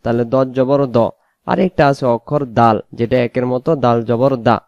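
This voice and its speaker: A man from Bangladesh, speaking Bengali with a Bangladeshi accent, teaches how to pronounce Arabic letters for Quran recitation, slowly repeating each sound. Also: mid-range voice, fairly even intonation, darkish tone, no echo, dull audio. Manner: slow, repetitive drilling of letter sounds; sometimes sings out the letters. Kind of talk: spoken tutorial on Arabic letter pronunciation.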